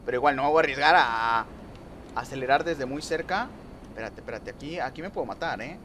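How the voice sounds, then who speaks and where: A young man giving lively gameplay commentary, talking to viewers and teasing rivals. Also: medium pitch, fast talker, slight background noise. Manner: excitable, talks to viewers and rivals, trash-talks. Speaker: gaming youtuber.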